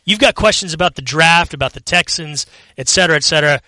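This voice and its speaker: A man's voice: a little high, fast, pushed and bright, no echo. A man co-hosting a casual sports chat, upbeat and chatty. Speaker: co-host.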